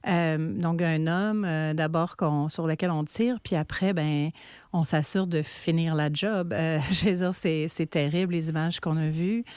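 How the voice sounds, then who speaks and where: A woman's voice: low-pitched, fairly even intonation, unhurried, a little mellow, smooth, no echo, clean studio sound. A middle-aged woman with a Québécois accent, a journalist guest speaking thoughtfully in a conversational interview. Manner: earnest and thoughtful, many fillers.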